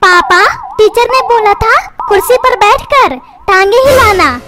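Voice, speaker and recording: A woman's voice: very high voice, measured pace, over loud music. A woman playing a cheeky rude cartoon schoolboy. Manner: sassy, talks back, threatens. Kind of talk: comedy cartoon dubbing.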